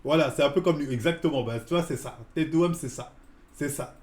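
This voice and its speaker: A man's voice: on the high side, fairly quick, slight background noise. A man in his forties ranting in casual slang on a live stream about a run-in at the gym. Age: 40s. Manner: slangy, heated street-style talk. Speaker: fitness streamer. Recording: echoey room.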